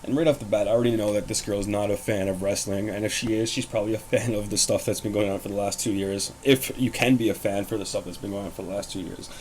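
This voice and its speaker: A man's voice: on the low side, steady tone, fast, few pauses, a little mellow, a little hiss or hum, rough recording. A young man hosting his own show, talking casually and bluntly about wrestling, rambling with fillers and swearing. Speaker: host. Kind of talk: casual wrestling commentary vlog.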